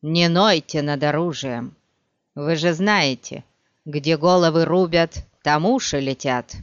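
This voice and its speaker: A man voicing a grim, gruff male executioner in an audiobook, speaking slowly and heavily, in a slightly dull, dry recording. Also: a little high, no room sound. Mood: menacing. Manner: slow, heavy, sullen delivery.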